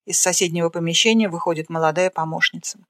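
A narrator reading the stage directions of a screenplay aloud in a plain, flat way. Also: medium pitch, fast, no echo, studio quality.

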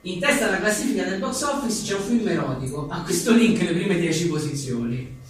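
This high-pitched, expressive man moves briskly through humorous one-liners at a live presentation of his own book, with casual asides along the way. A writer and journalist, he's wry and joking and chuckles a lot; the recording is echoey, from a distant mic, with faint noise in a reverberant room.

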